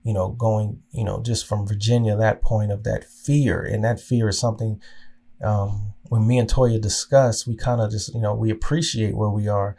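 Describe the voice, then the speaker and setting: A man's voice: lowish voice, fairly even intonation, mellow. Earnest man telling his life story. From Oklahoma. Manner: halting, with frequent restarts and repeated words; earnest and emotional. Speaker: podcast host. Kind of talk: reflective personal storytelling.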